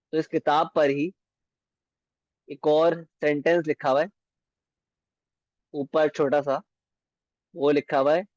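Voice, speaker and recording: A man teaching beginner Arabic in a patient lesson, repeating words slowly and often asking if it is clear. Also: on the high side, a little mellow, no room sound, lo-fi sound.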